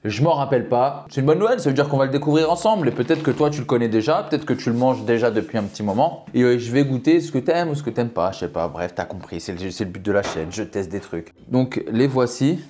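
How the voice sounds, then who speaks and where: A young man chats his way through a food-tasting video. He jokes and addresses his viewers directly, and his voice sits at an ordinary middle pitch. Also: animated, fast talker, few pauses, dark tone. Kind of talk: casual vlog with sponsor read.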